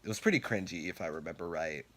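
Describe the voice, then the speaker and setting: A young man with a fairly low voice tells stories casually. He rambles and swears freely, and he laughs now and then. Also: fast, a bit bright. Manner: rambling, profane, laughs while telling. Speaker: vlogger. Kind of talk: casual storytelling.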